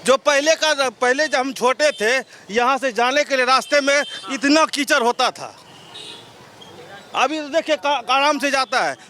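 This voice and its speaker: A man's voice: very high voice, unhurried, bright, forceful tone, slight background noise. A man, a member of the public who speaks in a scornful, dismissive way in a street vox pop outdoors.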